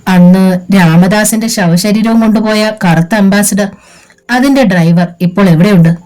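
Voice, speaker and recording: A woman voicing a wary middle-aged male accomplice in an audiobook, speaking in a measured, questioning way. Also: mid-range voice, warm tone, natural voice.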